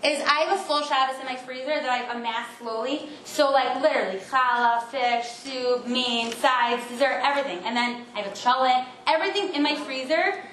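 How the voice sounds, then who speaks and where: A woman in her thirties giving an informal class to a group of women, telling stories in a chatty way with quick asides. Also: high voice, a bit bright. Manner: chatty storytelling, fast asides, self-interrupting. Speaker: class speaker. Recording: roomy echo with faint background noise.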